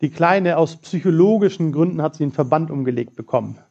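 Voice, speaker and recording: A man preaching in church, his voice on the high side yet dark and mellow in tone. He talks earnestly, often slipping into quoted prayers. The recording is dull and lo-fi. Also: lively intonation, fast talker, gravelly, slightly rough. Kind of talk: sermon.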